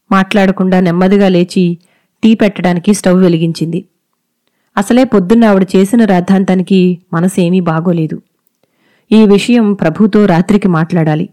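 A woman reading a short story aloud in a steady, measured way. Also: medium pitch. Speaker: narrator. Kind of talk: scripted story narration.

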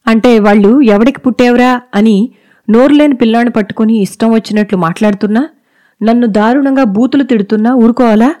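A woman's voice: on the high side, a little fast, mellow, pitched above the performer's own voice, lightly acted. A woman voicing a young wife and mother who speaks earnestly and firmly. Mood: hurt. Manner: earnest, pleading then firm.

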